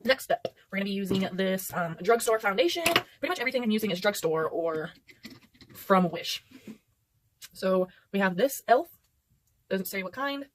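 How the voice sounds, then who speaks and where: Indoors at night under artificial light, a young beauty vlogger talks her way through a makeup tutorial in a chatty, rambling, self-deprecating way. Her medium-pitched voice has lively intonation and a moderate pace. A little hiss or hum is audible.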